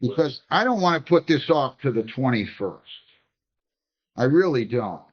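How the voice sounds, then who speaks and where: A man's voice: medium pitch, very animated, normal speed, highs cut off. A man presiding as a judge in a courtroom hearing, stern and exasperated as he lectures counsel.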